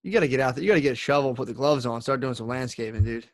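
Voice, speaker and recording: A man's voice: mid-range voice, rapid-fire, no room sound, studio quality. A man co-hosting a podcast in casual chat, easygoing and joking with plenty of swearing. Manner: easygoing, profane, joking banter. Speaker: podcast co-host.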